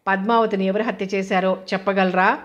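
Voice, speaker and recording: A cool-headed male detective gives measured orders in a storybook reading, as a woman narrator plays him. His voice is mid-pitched and steady, with hardly any melody. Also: highs cut off, lightly acted. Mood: calm. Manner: measured, commanding. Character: calm, shrewd male detective.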